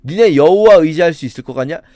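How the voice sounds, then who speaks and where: A preacher acting out a brash male enemy general who taunts and sneers at his foes. The voice rides higher and louder than his own talk, with a harsh, jeering swing. The sound is close and dry, with no room around it. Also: animated, normal speed, no echo, lightly acted. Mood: taunting. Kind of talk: sermon with acted quotes.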